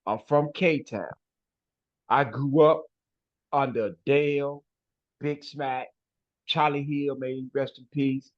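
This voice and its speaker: A guest from Chicago's west side talks in a casual interview, his medium-pitched voice fairly even, slow, and broken by long pauses. He's emphatic, ending phrases with "man" and "bro," and the lo-fi recording sounds dull.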